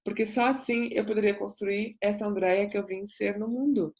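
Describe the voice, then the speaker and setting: A woman's voice: medium pitch, fairly even intonation, normal speed, a little mellow. Earnest woman sharing testimony. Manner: earnest, reflective, repetitive emphasis. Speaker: self-development coach. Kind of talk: personal testimony monologue.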